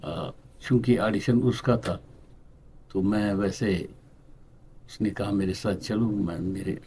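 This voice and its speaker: A middle-aged man from Balochistan, a writer and actor, telling anecdotes in an unhurried interview style with pauses, acting out other people's lines. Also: on the low side, a little mellow, a little hiss or hum. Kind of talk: relaxed interview storytelling.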